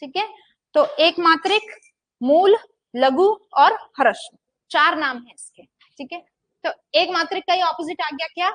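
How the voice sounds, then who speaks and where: High-voiced woman teaching in a dry room. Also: a little slow, fairly bright tone, dry recording. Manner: asks the class questions and answers them herself, repeating "ठीक है". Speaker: Hindi teacher. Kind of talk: classroom lecture.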